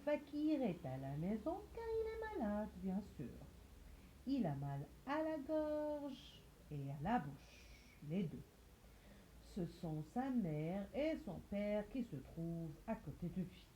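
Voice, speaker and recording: Slow, lively-toned woman teaching reading. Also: mid-range voice, slight background noise, rough recording. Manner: patient, repeats words and syllables aloud, asks questions and answers them herself. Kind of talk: slow phonics lesson for young children.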